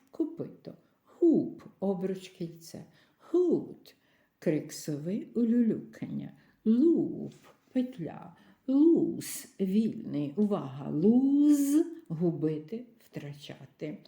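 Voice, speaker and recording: A woman's voice: low-pitched, dark tone. A woman teaching English vocabulary, drawing out each word carefully and pairing it with its meaning. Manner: carefully drawn-out pronunciation of word pairs. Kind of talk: slow vocabulary lesson.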